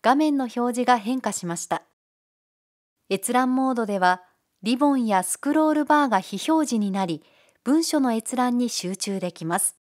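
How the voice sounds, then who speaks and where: A woman giving calm, polite, step-by-step narration for a software tutorial. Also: a little high, moderate pace. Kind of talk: scripted screencast narration.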